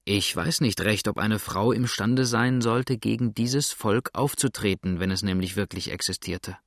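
The old man is kindly and steady, reassuring in a low, gravelly voice, as a male reader plays him. It is heard close and dry. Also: a little slow, no echo. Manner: calm and reassuring.

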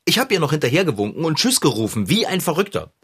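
A man playing an indignant young male friend who tells his grievance animatedly, with big jumps in pitch. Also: big pitch swings, fast talker, a bit bright, breathy edge, exaggerated voice.

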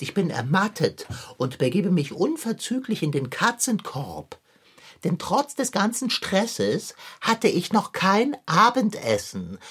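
A woman's voice: on the low side, slightly rough, exaggerated voice. A woman voicing a pompous male pirate cat in a children's radio play, speaking in stiff, old-fashioned phrases. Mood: weary.

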